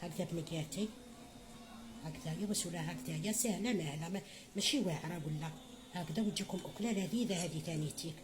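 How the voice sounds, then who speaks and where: Speaking quickly in a lowish voice over a noisy background, this middle-aged home cook with an Algerian Arabic accent walks viewers through a recipe. Warm and talkative, she treats her audience like her own children and keeps offering blessings.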